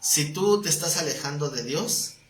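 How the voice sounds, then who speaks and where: A man's voice: on the high side, moderate pace. A man teaching a live Bible class, talking conversationally, quizzing his students and joking with them. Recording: echoey room, faint noise.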